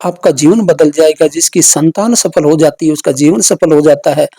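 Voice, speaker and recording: A man who teaches a meditation and yoga course, answering interview questions in a calm, measured, lecturing way. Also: fairly high pitch, breathy edge, no echo.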